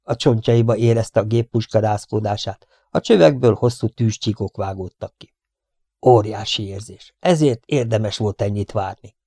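A man reading a war novel aloud as an audiobook, with dramatic delivery that jumps up sharply in pitch and volume for shouted lines. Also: no echo. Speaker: audiobook reader.

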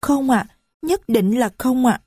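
A woman's voice: high voice, animated, unhurried, dark tone, husky, no room sound, studio quality, pitched above the performer's own voice, heavily acted. A woman voicing a shy, polite little girl in an audio story, with a timid, childlike manner. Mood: innocent. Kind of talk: audiobook reading.

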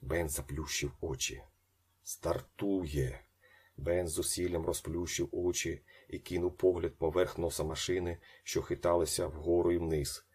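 An audiobook narrator reads a story aloud, acting out the shouted lines and dropping to a slow hush. His voice is low, husky, and flat in delivery.

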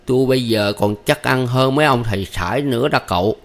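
A man's voice: medium pitch, fast talker, pitched above the performer's own voice, natural voice. A man voicing a young injured husband with a Southern Vietnamese accent, weary, blunt and rustic. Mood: resigned. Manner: blunt, rustic, half-joking.

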